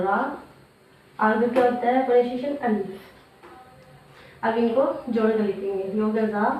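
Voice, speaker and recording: A woman's voice: on the high side, slight background noise. A woman teaching Urdu letters step by step, asking and answering her own questions and repeating each step. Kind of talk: step-by-step writing lesson. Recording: roomy, distant, dull lo-fi sound.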